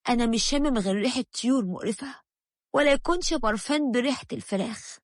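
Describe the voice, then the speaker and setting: A woman's voice: fairly high pitch, fast talker, dry recording, clean studio sound, close to an everyday voice. A woman with an Egyptian accent voicing a young husband who speaks curtly and with scorn in a storybook tale. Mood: scornful, angry. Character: irritated young husband, harsh and stubborn.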